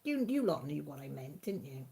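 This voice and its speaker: Extremely low in pitch yet sing-song, her voice moves at a moderate pace, creaky and warm, with a faint hiss or hum in the recording. She is a YouTube channel host with a Mid Wales Radnorshire accent, reading out comments in a relaxed live chat. Chatty and homely, she laughs a great deal.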